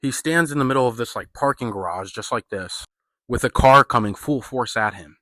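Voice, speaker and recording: Bright-voiced man reviewing a film casually. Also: mid-range voice, normal speed, no echo, studio quality. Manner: loose and profane, heavy on "like" and slang. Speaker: movie reviewer.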